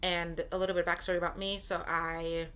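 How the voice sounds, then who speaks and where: Smooth, fast and a bit bright, her lowish voice keeps a level tone. The podcast host is a woman in her thirties, born in Nigeria and brought up in Brooklyn, New York, chatting candidly on her casual solo show with repeated phrases and regular "right?" asides.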